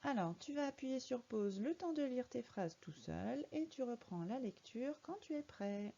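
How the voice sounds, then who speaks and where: A woman's voice: fairly high pitch, lively intonation, measured pace, creaky, warm tone, dull audio. A woman teaching a young child to read in a recorded lesson, patiently spelling words out letter by letter. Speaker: primary school teacher.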